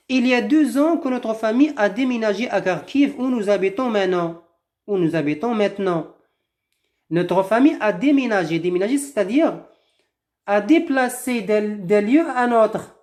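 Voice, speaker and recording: A woman teaching at a very slow, careful pace, pausing between short phrases. She explains vocabulary patiently and restates each word several ways until it is clear. Her voice sits in a middling pitch. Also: a little mellow. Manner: slow and deliberate, repeats and rephrases words with several synonyms. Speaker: French teacher. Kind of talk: slow explanatory lesson, reading a text aloud and explaining words.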